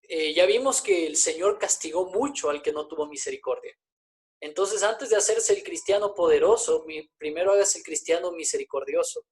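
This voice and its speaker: A woman's voice: fairly low pitch, moderate pace, a little mellow. A woman preaching a sermon, emphatic, repeating her key phrases and asking the congregation rhetorical questions.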